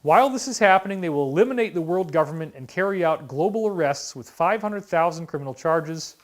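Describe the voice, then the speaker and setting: A man delivering an emotional commentary monologue, emphatic and prone to sudden loud outbursts. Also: a little high, expressive, a little fast. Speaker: online commentator.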